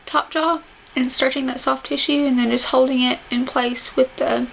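A woman's voice: high voice, steady tone, moderate pace, vocal fry, fairly bright tone. A young woman talking casually to camera, with restricted jaw movement as she speaks carefully through banded teeth. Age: young adult. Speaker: vlogger describing surgery recovery. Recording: noisy home camera audio.

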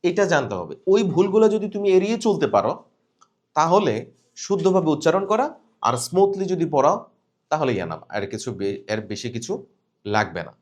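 A man teaching a live class for cabin crew candidates, explaining and correcting students directly. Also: on the high side. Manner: instructive, corrects students directly, demonstrates readings. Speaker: cabin crew interview coach.

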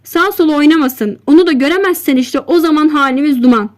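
A woman's voice: sits high, fast, natural voice. A woman voicing a practical old male fisherman with short, blunt replies in an audiobook story. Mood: matter-of-fact.

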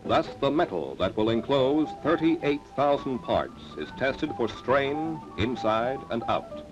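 A man's voice: mid-range voice, very animated, slow pace, over music. A man giving scripted narration for an old 1950s newsreel, in a dramatic announcer delivery. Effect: old newsreel recording. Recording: dull lo-fi sound with faint hiss.

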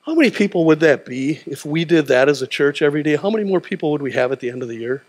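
A fast-talking middle-aged pastor with a slightly high voice and lively intonation preaches in a large church auditorium. Pacing the stage, he needles the crowd with call-and-response questions like "huh?"

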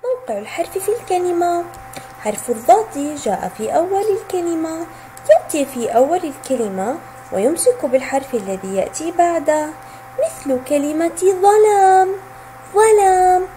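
A woman teaching a recorded lesson for young children. She sounds out letters and words slowly and clearly, and asks questions that she then answers herself. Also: high-pitched, sing-song, dark tone, a little hiss or hum, rough recording. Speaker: kindergarten teacher.

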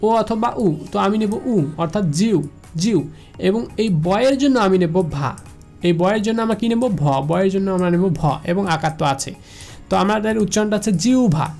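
A man's voice: high-pitched, quick pace, darkish tone, soft background music. A man with a Bangladeshi Bengali accent giving a slide lecture, repeating each rule and asking the listener questions. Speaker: teacher. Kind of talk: slide lecture on pronunciation rules.

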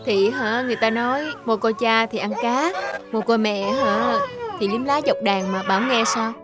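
A blunt young woman hushing a baby in a TV drama. Her voice sits high and she coos the same words over and over between curt retorts. A loud music score plays behind her. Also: sing-song, normal speed. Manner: repetitive cooing and blunt retorts. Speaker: co-mother soothing a baby. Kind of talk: TV drama acting.

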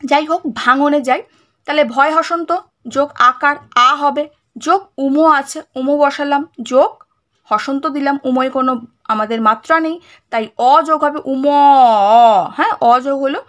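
A woman's voice: high voice, a bit bright. A woman teacher going through a primary-school lesson, spelling out words letter by letter and asking check questions again and again. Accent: Bengali.

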